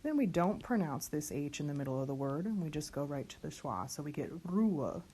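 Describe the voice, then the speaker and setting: A woman teaching lyric diction, slowly spelling out letters and sounds one by one. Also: low voice, very animated, dark tone, slight background noise. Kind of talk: online diction lesson.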